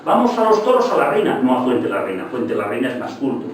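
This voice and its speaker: A man's voice: medium pitch, fast talker, slight background noise. Older professorial man in an echoey hall. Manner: professorial, digressive, lively emphasis. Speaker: lecturer. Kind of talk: public talk. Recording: echoey hall, mic from far off.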